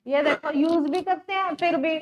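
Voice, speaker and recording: A woman's voice: extremely high pitch, moderate pace. A woman teacher giving a chatty classroom lecture and telling her students stories. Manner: chatty, addresses students as beta.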